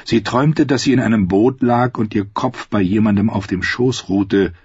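A man narrates a fantasy audiobook in a lowish, husky voice. The recording is dry, with no room sound, and a little dull. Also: moderate pace, darkish tone, dry recording. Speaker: audiobook reader.

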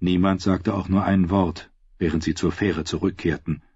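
A male audiobook narrator with a low, husky voice and a slow, measured delivery. The recording is dry and slightly dull. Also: no room sound. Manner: measured, steady reading. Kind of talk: scripted narration.

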